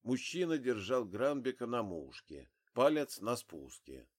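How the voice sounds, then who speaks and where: A man giving dramatic, expressive narration of a thriller audiobook. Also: mid-range voice, measured pace. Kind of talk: scripted narration.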